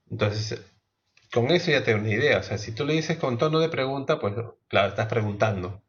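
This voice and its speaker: A man teaching a class, explaining slowly, asking the students questions and restarting his sentences often. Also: lowish voice, lo-fi sound. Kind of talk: online class lecture.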